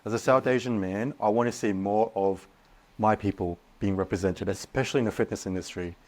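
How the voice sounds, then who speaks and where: A young man speaking as a podcast guest, earnest and animated, often restarting his sentences. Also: lowish voice, a little fast. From Australia. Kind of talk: casual podcast interview.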